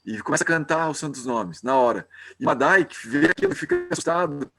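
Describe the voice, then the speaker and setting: A man's voice: on the high side, expressive, brisk. A man giving a devotional class, retelling a scripture story informally with frequent hesitant restarts.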